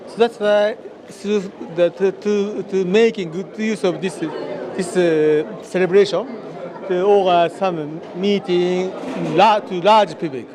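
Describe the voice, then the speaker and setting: A man, giving interview answers haltingly as he searches for words. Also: high-pitched, fairly even intonation. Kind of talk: spontaneous event interview. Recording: faint crowd and noise.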